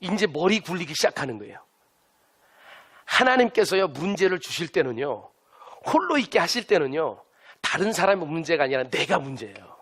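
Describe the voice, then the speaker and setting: A man's voice: on the high side, big pitch swings, moderate pace, fairly bright tone, husky. A male pastor preaching a sermon with emphatic delivery, having the congregation repeat lines to their neighbors. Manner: has listeners turn and repeat lines to neighbors.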